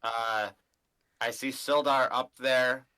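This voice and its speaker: A man's voice: medium pitch, steady tone, takes it slowly, sharp tone, clear, resonant tone, low-quality recording. A man playing a tabletop game, bantering casually with crude jokes. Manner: crude, joking. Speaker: player.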